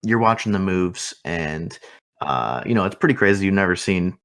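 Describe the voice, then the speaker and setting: A man narrating as game master, in a relaxed, loose and chatty way. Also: low voice, normal speed.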